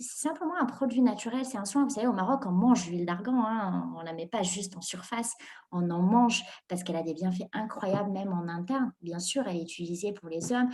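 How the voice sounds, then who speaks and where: A young Moroccan-born woman, a guest entrepreneur, answers interview questions with lots of energy in a medium-pitched voice. She laughs often and keeps restarting her sentences, filling gaps with many fillers.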